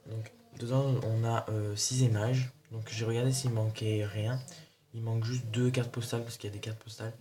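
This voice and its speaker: A man's voice: on the low side, little pitch movement, moderate pace, crowd noise. A man chatting casually in a haul video, showing his purchases with a rambling, hesitant delivery full of fillers. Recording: noisy home recording.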